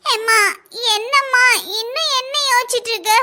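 Cartoon role: a high, whiny schoolgirl with a southern Tamil accent, voiced by a woman. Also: steady tone, moderate pace, pushed and bright, full character voice. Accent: southern Tamil (Kanyakumari-Tirunelveli). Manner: whiny and insistent, with a tearful edge. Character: hungry little schoolgirl, pleading and whiny. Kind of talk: cartoon voice acting.

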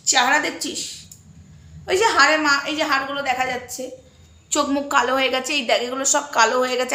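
A woman's voice: high voice, bright, forceful tone, echoey room. A woman vlogger delivering a heated, sarcastic rant at a rival, scolding, mocking and jeering as she talks. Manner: heated, spits and jeers.

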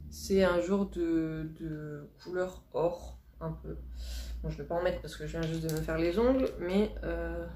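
A woman's voice: lowish voice, darkish tone. A woman beauty vlogger chatting casually to camera, gushing and repeating words for emphasis. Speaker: beauty vlogger unboxing a box. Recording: roomy echo, faint hiss.

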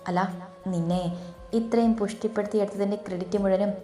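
A woman's voice: medium pitch, fairly even intonation, fast talker, dark tone, lightly acted. A woman voicing a playful, affectionate young husband who teases his wife. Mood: teasing. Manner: playful teasing. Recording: roomy echo, faint background music.

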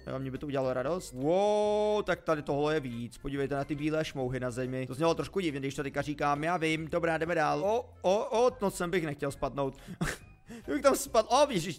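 A young man giving chatty, playful, self-mocking commentary while playing a video game. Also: on the high side. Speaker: gaming YouTuber. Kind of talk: Minecraft let's play commentary.

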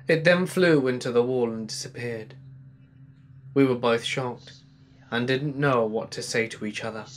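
A man reading a first-person ghost story aloud in a steady, measured storytelling manner. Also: medium pitch.

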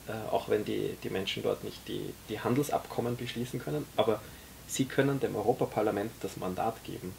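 Caught by a camera mic a few metres away in a small tea café, a guest author from Austria, in his forties, talks casually about his vision at great length. His low, gravelly voice has a darkish tone, and his explanations are full of hesitations and fillers. Faint hiss sits under the audio.

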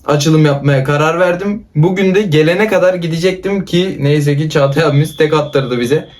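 Excitable man shouting gameplay commentary. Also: fairly high pitch, moderate pace. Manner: excitable, shouts player names. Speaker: gaming YouTuber. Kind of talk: casual gameplay commentary with a friend.

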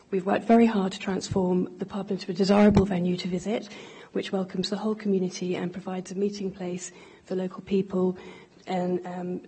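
A woman in her thirties reads a prepared statement at a council meeting. Her voice is mellow and very husky, with little rise and fall in pitch. She speaks formally into a desk microphone. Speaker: pub owner addressing a committee. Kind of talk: prepared statement read aloud at a public meeting. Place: council meeting chamber, indoors. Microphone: gooseneck desk microphone.

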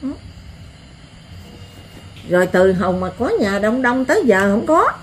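A woman's voice: medium pitch, unhurried, slight background noise. Blunt older Southern Vietnamese woman. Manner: blunt, earthy, animated storyteller. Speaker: interviewee. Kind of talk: rural storytelling.

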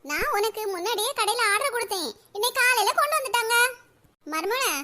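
A woman voicing an older village mother-in-law in a comedy cartoon, with a Kanyakumari Tamil accent and a shrill, squeaky voice. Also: animated, brisk, pushed and bright, full character voice. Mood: coaxing. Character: scheming old mother-in-law turned loving, village woman.

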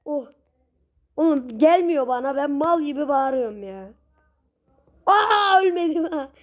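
A young woman giving casual gameplay commentary, chatty with her viewers and prone to sudden shrieks and yells at the game. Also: high voice, moderate pace. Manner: chatty, talks straight to viewers. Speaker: gaming channel host.

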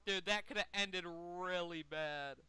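A young man reacting live to a race as channel host, excitable and swearing as he pleads with the drivers. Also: high-pitched, unhurried, crowd noise.

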